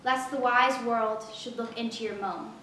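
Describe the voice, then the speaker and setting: A woman reciting a sonnet as a contestant, in a measured, dramatic delivery. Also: fairly high pitch, fairly even intonation, bright, forceful tone. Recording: echoey hall, distant mic, faint noise.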